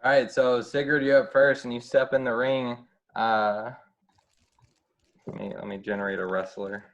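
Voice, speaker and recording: A man running a tabletop game as game master, relaxed and halting with fillers. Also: medium pitch, dull audio.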